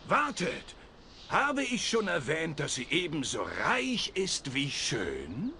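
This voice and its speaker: Kriecherischer, stammelnder Herold. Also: male voice, a little high, huge pitch swings, takes it slowly, bright, forceful tone, a little hiss or hum, full character voice. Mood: flustered. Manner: obsequious, stumbling over his words. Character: fawning, stammering, nervous male herald. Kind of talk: video game dialogue.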